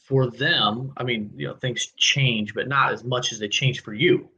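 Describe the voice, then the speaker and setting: Bright-voiced male podcast host. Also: mid-range voice, a little slow, poor audio. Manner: relaxed and friendly, with many fillers and restarts. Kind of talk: casual interview conversation. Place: indoor home studio room. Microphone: large studio mic on a boom arm.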